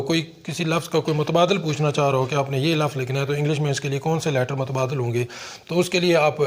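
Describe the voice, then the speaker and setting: Male language teacher, patient and methodical, spells things out twice, voice a touch higher than most. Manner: slow, repeats each spelling twice. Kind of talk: online language lesson.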